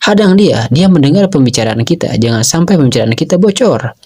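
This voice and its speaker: A man voicing an eager, scheming male adviser who flatters and urges his young master, in a casual storytelling recap. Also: fairly high pitch, brisk, slightly rough. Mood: urging. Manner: urging, flattering.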